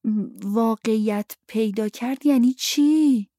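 A woman's voice: a little high, mellow, no room sound, clean studio sound, pitched above the performer's own voice, natural voice. A woman voicing an insistent young boy pestering his father with questions. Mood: puzzled.

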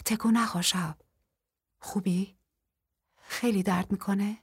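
A woman voicing a gentle, anxious young woman who speaks softly, half in a whisper. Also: mid-range voice, expressive, breathy edge, no room sound, studio quality, pitched above the performer's own voice. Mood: worried. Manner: soft, half-whispered, worried.

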